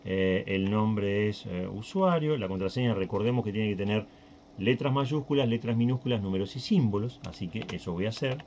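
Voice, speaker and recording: A Uruguayan man hosts a tech channel, thinking aloud as he walks through a screen recording. His voice sits on the low side, and he hesitates and restarts often. The mic sounds dull and lo-fi, with a faint hiss behind him. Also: moderate pace, a little mellow. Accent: Uruguayan Spanish. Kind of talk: casual screen-recording walkthrough.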